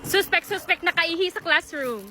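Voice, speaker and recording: A woman's voice: extremely high pitch, moderate pace, a crowd in the background. A woman hosting a playful teasing challenge, chanting prompts at the others. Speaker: challenge host. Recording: music playing under voice.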